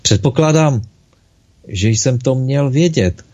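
A man voicing a patient, kindly God in a spoken storybook, calm and gentle. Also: medium pitch, pitched above the performer's own voice, lightly acted. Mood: explaining. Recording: dull lo-fi recording.

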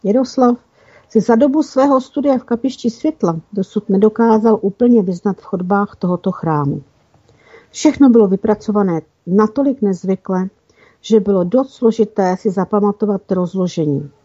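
A woman narrating a children's fantasy story in an even, careful reading style with small slips. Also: mid-range voice, slightly rough. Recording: dull lo-fi recording.

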